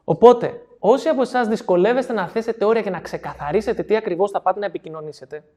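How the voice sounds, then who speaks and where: A man's voice: sits high, warm tone. A man coaching an audience in a seminar talk, explaining step by step, repeating key phrases and checking that listeners follow. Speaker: NLP coach.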